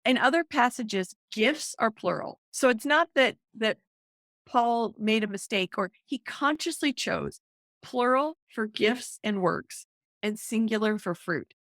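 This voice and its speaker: A middle-aged woman, a guest author and counselor, is interviewed on a podcast. Her voice is a little high and her pace measured, and she explains things with excited emphasis. The recording is dry and studio quality.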